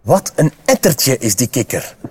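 A grumbling panda moans about his troubles at an unhurried pace, as a Flemish man reads him. He sounds put-upon and a little sulky, a storybook traveller. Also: on the high side, sing-song, darkish tone. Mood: grumpy.

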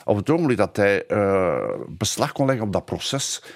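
An older man, a historian, telling a story animatedly in an interview, slowing down for emphasis. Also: on the low side. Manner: animated storyteller, slows for emphasis, many fillers. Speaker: historian guest.

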